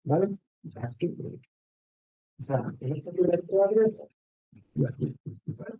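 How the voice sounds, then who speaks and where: A man's voice: sits high, expressive, normal speed, dry recording, phone-quality sound. A man teaching English grammar to a class, explaining step by step and checking in often.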